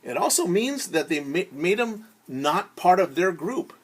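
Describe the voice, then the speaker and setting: A man's husky voice sits high and swings widely in pitch as he tells a theatrical story as a teacher to young kids, explaining words simply and performing the sounds.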